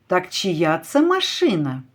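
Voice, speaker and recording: A woman teaching a literacy lesson to young children, slowly drawing out stressed vowels as she calls out words. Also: lowish voice, wildly swooping pitch, slightly rough. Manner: slow, drawn-out, stretching stressed vowels to call out words. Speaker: kindergarten teacher.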